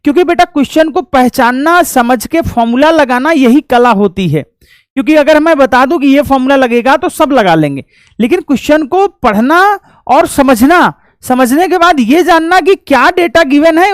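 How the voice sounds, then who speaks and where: A man's voice: very high-pitched, no echo. Man teaching a recorded class; chatty, teasing, motivational, breaks into song snatches; dry close sound. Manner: chatty, joking asides to students; coaxing, motivational. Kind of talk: recorded online lesson.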